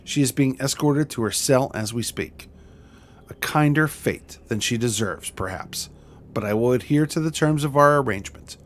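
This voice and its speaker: A man's voice: mid-range voice, moderate pace, slight background noise, close to an everyday voice. A man voicing an aggrieved noble lord in a video game, solemn and courteous, with formal, courtly phrasing.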